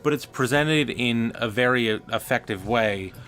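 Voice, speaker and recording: A man's voice: mid-range voice, normal speed, fairly bright tone. A man casually chatting and giving opinions while playing a video game, swearing now and then. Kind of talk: casual gameplay chat.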